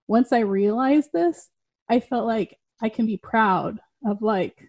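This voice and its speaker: A woman's voice: on the high side, slow pace, a little mellow. A woman guest in a casual conversation, speaking heartfelt and earnest, with lots of "like". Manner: heartfelt, earnest, says "like" often.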